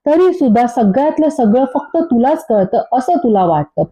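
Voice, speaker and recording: A woman's voice: high-pitched, lively intonation, moderate pace, mellow. A woman voicing an irritable young husband who scolds and defends himself. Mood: scolding. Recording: dull lo-fi recording.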